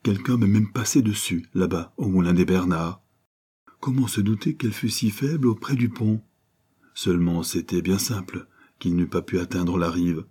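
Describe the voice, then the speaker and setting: A man reading a nineteenth-century novel aloud in a measured, dramatic way, lifting his voice for the quoted cries. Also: deep voice, dark tone, slightly rough. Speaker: audiobook reader. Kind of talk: scripted narration of a novel.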